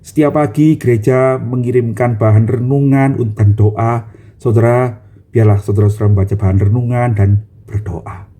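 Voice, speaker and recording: A man's voice: medium pitch, steady tone, normal speed, dark tone. A man pastor giving an online Bible study sermon, telling the story with animation and acting out the voices of the people in it, often calling his listeners brothers and sisters.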